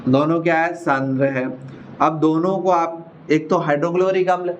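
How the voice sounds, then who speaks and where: A man's voice: on the high side, fairly even intonation, normal speed, highs cut off, slight background noise. Man teaching, quizzing with repeated questions. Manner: repeats key terms, quizzes students with rhetorical questions; casual, addresses listeners as brother. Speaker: science teacher. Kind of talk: classroom lecture.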